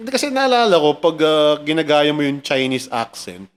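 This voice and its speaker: A man from the Philippines co-hosts a casual podcast, his voice sitting a bit high for a man. He jokes around, swears freely and laughs through the banter. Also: sing-song, moderate pace. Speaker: podcast co-host. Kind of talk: casual chat.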